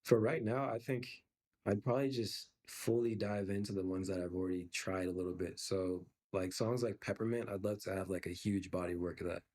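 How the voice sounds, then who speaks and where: Speaking briskly in a low, steady, darkish voice, a young man who is a musician answers podcast interview questions. He is an easygoing, reflective guest who uses lots of fillers.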